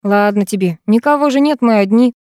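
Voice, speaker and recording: A woman reading an audiobook, voicing a lanky teenage boy with a calm, mocking manner. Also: fairly high pitch, a little fast, smooth, no echo, studio quality, close to an everyday voice. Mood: teasing.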